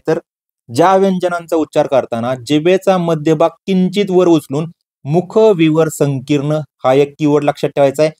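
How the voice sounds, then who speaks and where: During an exam-prep grammar lesson, a teacher drills each definition by asking a question, answering it and repeating the key terms. He speaks in a slightly high, somewhat mellow voice.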